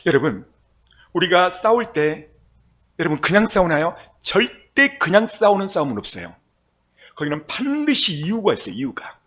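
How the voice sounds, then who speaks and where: A man pastor delivering a sermon, telling a story with animated delivery and addressing the congregation. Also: high voice, moderate pace.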